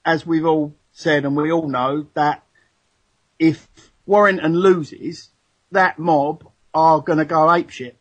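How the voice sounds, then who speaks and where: A man's voice: fairly high pitch, steady tone, slow pace, breathy edge. A man calling in over the phone to a casual chat show, rambling with many ums and restarts. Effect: heard over the phone. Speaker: caller. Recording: muffled lo-fi phone line.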